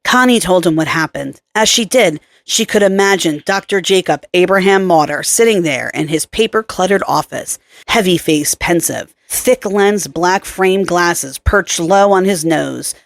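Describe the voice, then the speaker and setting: Low-voiced woman narrating a dark story. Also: no echo. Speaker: audiobook narrator. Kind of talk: scripted narration.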